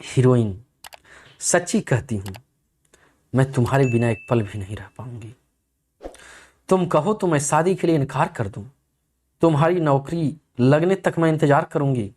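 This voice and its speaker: A man's voice: medium pitch, animated, moderate pace, pauses often, darkish tone, natural voice. A man voicing a scheming young woman who pleads sweetly with her lover while plotting to marry someone richer. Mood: pleading. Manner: sugary, pleading, two-faced.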